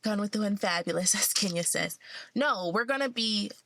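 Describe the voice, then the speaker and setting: A young vlogger sounding slightly congested chats with her followers in a casual, upbeat, encouraging way. Her medium-pitched voice has a sharp tone at normal speed, with no echo.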